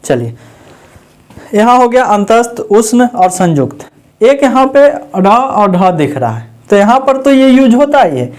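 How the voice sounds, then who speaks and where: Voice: medium pitch, very animated, measured pace, darkish tone. A grammar teacher at a board, asking the class questions and answering them, repeating each term several times. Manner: repeats key sounds and terms several times. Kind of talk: exam-prep grammar lesson at a board. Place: teaching room with a writing board.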